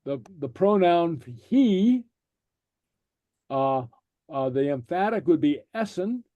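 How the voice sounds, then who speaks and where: A man teaching a language class, explaining slowly and patiently, checking in with "okay?" after each point and using many fillers. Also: a little high, animated, warm tone, dry recording, muffled recording. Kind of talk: slow explanatory class lecture.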